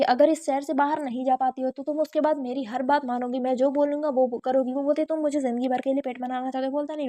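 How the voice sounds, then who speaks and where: A woman's voice: high voice, mellow, dry recording. A woman narrating a drama recap in a casual storytelling way, retelling the characters' lines in her own voice with frequent restarts.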